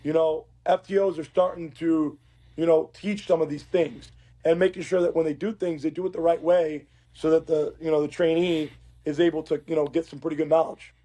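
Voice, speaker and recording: A Uruguayan police academy instructor tells stories on a podcast in a casual, conversational way. His fairly high voice is raspy and hoarse from work, steady, brisk and dark in tone.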